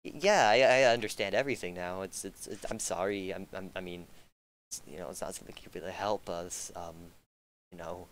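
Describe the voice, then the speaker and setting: A young man narrating as game master, halting and hesitant with many fillers. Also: deep voice, a little hiss or hum.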